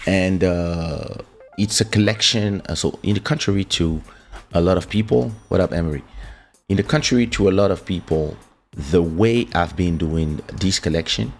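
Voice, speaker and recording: Speaking at a moderate pace in a low voice, a French-accented musician from France welcomes viewers to his laid-back livestream, full of fillers and restarts. He streams from home in Portugal on a studio desk microphone, with soft music playing.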